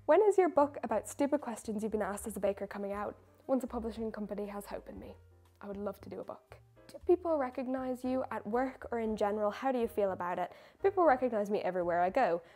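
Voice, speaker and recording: Soft background music plays as a young baker and video creator races through a casual Q&A with viewers. Fast-talking and self-mocking, she has a medium-pitched, dark-toned voice.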